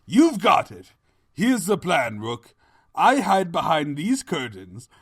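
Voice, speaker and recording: A high-voiced, scheming pony king who speaks in slow, theatrical swoops. He is pompous, melodramatic and secretly cowardly, a grand villain from a cartoon storybook. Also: wildly swooping pitch, breathy edge, no echo, clean studio sound, heavily acted. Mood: smug, scheming.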